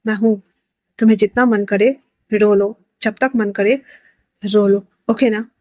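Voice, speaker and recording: A wounded male surgeon, played by a woman narrator, quiet but firm, with a gentle side toward the people he cares about. The voice stays close and dry. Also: medium pitch, steady tone, a little slow, no echo, dull audio, lightly acted. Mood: comforting.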